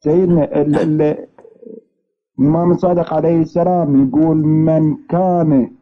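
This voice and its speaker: A man's voice: a little high, steady tone, normal speed, highs cut off. A man on a religious program who answers with frequent blessings and devout affirmations. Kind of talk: devotional talk show chat.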